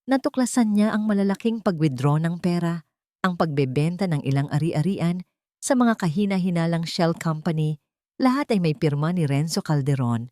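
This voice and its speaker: A low-voiced woman narrates a scripted audio drama in the first person, measured and deliberate like a storyteller, yet animated and dark in tone. The sound is dry, with very little room in it and no echo.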